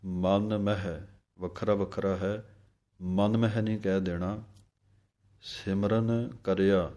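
Low, mellow-voiced man teaching recitation. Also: level tone. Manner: alternates slow chanted recitation with quicker spoken explanation. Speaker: scripture pronunciation teacher. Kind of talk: recitation lesson.

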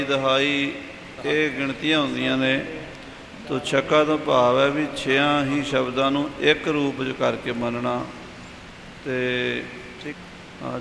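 A man giving a patient, measured explanation in a recitation lesson. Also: medium pitch, vocal fry, a bit bright, roomy sound, in a large hall, a little hiss or hum, poor audio. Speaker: recitation teacher.

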